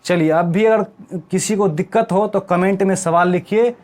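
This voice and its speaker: A man's voice: sits high, moderate pace, a little mellow, slight background noise. A man teaching an English grammar lesson, asking the class questions and checking in with them as he goes. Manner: asks the class questions and answers them himself.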